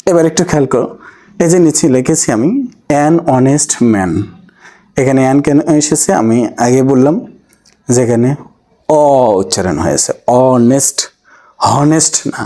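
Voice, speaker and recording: Mellow-voiced man teaching grammar. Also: medium pitch, lively intonation, brisk. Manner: explains step by step, keeps asking the student questions. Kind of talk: classroom-style lesson.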